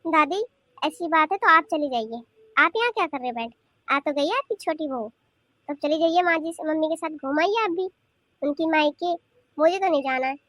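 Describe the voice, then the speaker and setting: A woman's voice: high voice, lively intonation, normal speed, bright, forceful tone, no echo. A woman voicing a cheeky, stubborn teenage granddaughter in a cartoon who argues back. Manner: talking back, whiny and argumentative. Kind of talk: cartoon voice acting.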